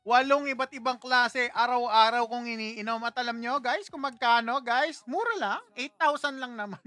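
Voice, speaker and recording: A man's voice: very high voice, normal speed, sharp tone, faint music behind. A man hosting a casual livestream, chatting with viewers in a playful, teasing way and laughing often. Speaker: livestream host.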